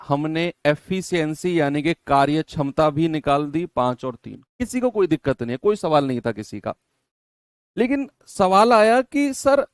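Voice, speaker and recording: A man teaches an exam-prep maths lesson in a smooth, resonant voice pitched somewhat high. He walks through every step, says key phrases twice and chides his students with gentle firmness. The sound is dry and close. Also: no echo.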